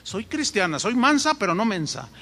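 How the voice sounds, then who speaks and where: A man's voice: high voice, very animated, moderate pace, sharp tone, exaggerated voice. A Mexican man voicing a resentful, vengeful churchgoing woman who mutters threats, heard with long hall reverb. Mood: bitter.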